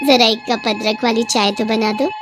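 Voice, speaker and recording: A woman voicing a sleepy, spoiled young daughter-in-law who sweetly demands favors in an animated story, with faint music behind. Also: on the high side, normal speed, close to an everyday voice. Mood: coaxing.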